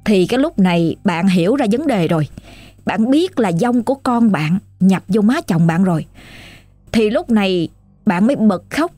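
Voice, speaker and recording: A woman's voice: medium pitch, expressive, normal speed, dark tone, dry recording, soft background music. A woman with a Southern Vietnamese accent narrating a ghost story with emotional, repetitive exclaiming.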